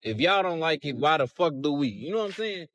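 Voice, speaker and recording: A man's voice: a little high, big pitch swings, fast, fairly bright tone, no room sound. Emphatic man ranting, dry sound. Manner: emphatic, preachy, crude. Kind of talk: ranting to camera.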